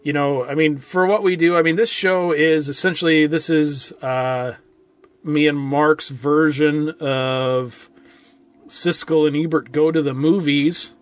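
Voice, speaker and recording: A man's voice: fairly high pitch, fairly even intonation, unhurried. A man co-hosting a casual movie-review podcast, rambling and loose, with lots of "like" and "I mean". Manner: rambling, full of "like" and "I mean", restarts a lot. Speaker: podcast co-host.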